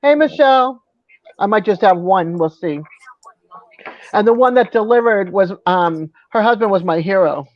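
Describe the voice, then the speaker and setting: High-pitched guy on a live chat, dry dull sound, chatty storyteller. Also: moderate pace, dry recording. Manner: animated storyteller, laughs often.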